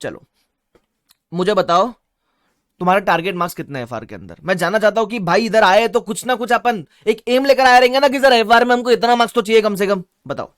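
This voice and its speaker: A man with a Mumbai accent teaching a live online class, energetic, mixing Hindi and English and reading viewer chat aloud. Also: sits high, a little fast, dry recording, studio quality. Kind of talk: live-streamed online lecture.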